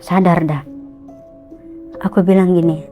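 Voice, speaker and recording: Girl telling a ghost story all worked up, mellow tone, faint music behind. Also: fairly low pitch, a little slow. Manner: excited, animated, acts out quotes. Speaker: guest storyteller.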